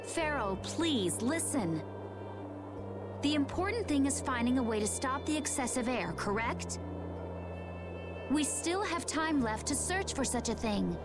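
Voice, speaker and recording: A woman's voice: high voice, animated, a little slow, pauses often. An actress playing an earnest, composed young woman in a fantasy video game, speaking politely and formally. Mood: pleading. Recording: game music behind the voice.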